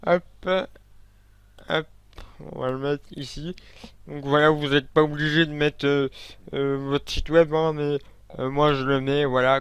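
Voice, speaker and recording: A man walks viewers through software on screen in a casual, halting way, full of fillers and restarts. His voice sits a little high and comes across smooth and clear. The sound is close and dry, with no room around it. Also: no room sound. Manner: hesitant, many fillers and restarts; casual, talks directly to viewers. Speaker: software tutorial host. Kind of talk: screen-recorded coding tutorial.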